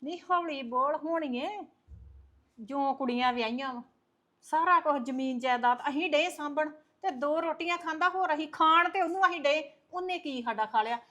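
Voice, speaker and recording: A woman's voice: high voice, normal speed, pushed and bright. A woman playing an older woman who scolds and lectures a younger one. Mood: scolding.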